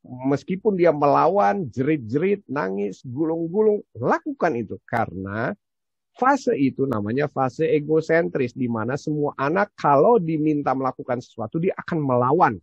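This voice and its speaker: A man who teaches parenting, giving advice in a casual, animated way and acting out what he says to his own child. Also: fairly high pitch, normal speed, vocal fry, breathy edge, no room sound. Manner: animated storyteller, acts out his own stern lines to his child. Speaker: parenting educator answering a question. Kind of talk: conversational advice talk. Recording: dull, lo-fi sound.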